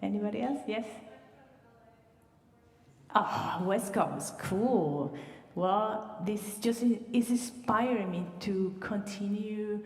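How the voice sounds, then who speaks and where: A Venezuelan admissions director gives a livestreamed presentation to students in a reverberant hall, welcoming them warmly with slightly non-native phrasing and fillers. Her voice is medium-pitched and slow, sitting far from the mic amid roomy reverb.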